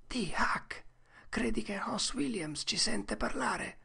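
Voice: medium pitch, slow, gravelly, slightly rough, pitched above the performer's own voice, heavily acted. Tom Sawyer, a narrator whispering as a nervous boy. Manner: hushed, reassuring whisper. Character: young boy, nervous but trying to act brave. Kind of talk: whispered role-play.

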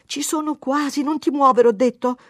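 A woman's voice: sits high, steady tone, moderate pace, fairly bright tone, no echo, clean studio sound, voice pushed up. A reader voicing a bossy, doting woman who coaxes a man to hold still. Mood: coaxing. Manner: coaxing, bossy. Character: pushy, doting woman fussing over a man.

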